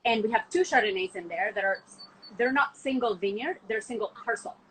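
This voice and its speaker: A young woman from Argentina talks enthusiastically about wine in a loose, chatty way, leaning on "like" as she goes. Her voice is bright and forward. A faint background hiss runs under the video call. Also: medium pitch, a little fast, poor audio. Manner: enthusiastic, chatty, many "like" fillers. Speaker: wine export manager, guest. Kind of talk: casual podcast conversation. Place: home, from a window view of the city.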